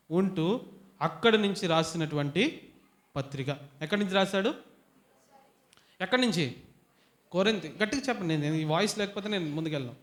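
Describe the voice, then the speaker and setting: A man teaching a Bible study at a youth retreat, his voice set a little high. He peppers the young listeners with questions and keeps asking them to answer louder. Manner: quizzes the audience, urges them to answer louder. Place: retreat hall.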